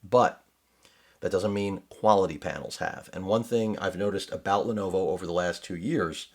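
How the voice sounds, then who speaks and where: A middle-aged tech reviewer unboxes a laptop in his home studio, giving casual commentary that rambles and digresses into sarcastic asides. He has a deep voice and speaks at a normal speed.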